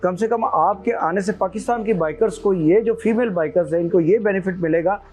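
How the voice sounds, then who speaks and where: Interviewer man asking measured questions. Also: high voice, a little mellow, soft background music. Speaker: interviewer, host.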